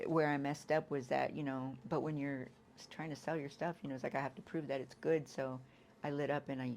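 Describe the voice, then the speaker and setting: A woman giving a candid personal recovery testimony. She talks in a halting way, restarts often and leans on "you know". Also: very deep voice, flat delivery, a little hiss or hum. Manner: acts out quoted lines with sudden loud bursts. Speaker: guest sharing an addiction recovery story.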